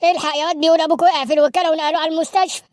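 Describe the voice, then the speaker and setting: Man doing a high, frantic Egyptian mum, scolding, fast, dry sound. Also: little pitch movement, no echo. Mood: panicked. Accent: Egyptian Arabic. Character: panicky Egyptian mother, shrill and bossy.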